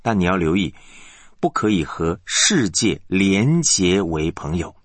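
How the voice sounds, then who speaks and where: Man, pastor, sermon, husky voice, lively rising and falling pitch, dry sound. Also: unhurried, no room sound. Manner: animated preaching with rhetorical questions to the congregation.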